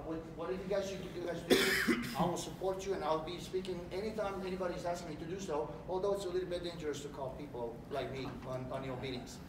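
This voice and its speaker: A middle-aged man from Romania, a political candidate giving an animated campaign speech in a large hotel meeting room. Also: high-pitched. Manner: animated, gesturing while speaking. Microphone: far camera. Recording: echoey room, distant mic, background noise.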